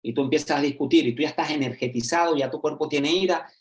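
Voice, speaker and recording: Speaking fast and on the high side, a social educator talks to fellow educators over a video call. He's lively, acting out little scenes in different voices, and keeps checking in with "¿vale?" and "¿sí?" to make sure everyone is following his talk.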